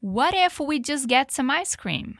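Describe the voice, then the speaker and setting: Higher-pitched woman, slow drilled English. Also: sing-song, fairly bright tone, no room sound, studio quality. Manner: slow, drawn-out English model phrases; encouraging, repeats drills. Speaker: English teacher. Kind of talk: language lesson.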